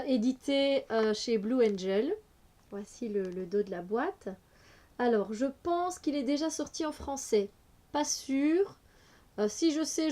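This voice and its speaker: A woman's voice: a little high, warm tone. A woman with a cold, reviewing an oracle card deck in a casual, hesitant way with many fillers. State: has a cold.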